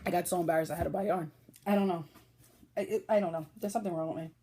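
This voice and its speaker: A woman's voice: fairly low pitch, steady tone, very fast, noisy background. A woman from Brooklyn with a New York accent, hosting a casual yarn haul chat, chatty and gushing, often laughing. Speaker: knitting podcast host.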